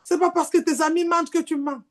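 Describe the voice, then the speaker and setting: A woman preaching a lively sermon, acting out little scenes, shouting some lines and whispering others. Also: extremely high pitch, fast. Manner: animated, shifts between shouting and near-whispers, acts out voices.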